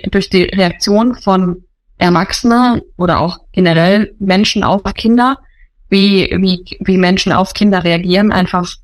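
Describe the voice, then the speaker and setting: A woman in her thirties gives earnest interview answers as a missionary, pausing often with fillers. Her voice has an ordinary pitch, and the recording is dry and close. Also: dry recording.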